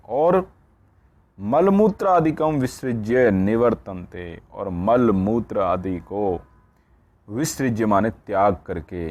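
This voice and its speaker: Low-voiced man teaching Sanskrit grammar. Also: creaky, darkish tone, slightly rough. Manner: repeats words and checks in with "ठीक है". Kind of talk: explaining a textbook lesson line by line.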